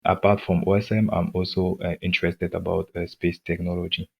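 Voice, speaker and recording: Deep flat-voiced man from Cameroon. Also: creaky, husky, muffled recording. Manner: hesitant, many "uh" pauses and restarts. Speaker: guest. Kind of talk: interview answers.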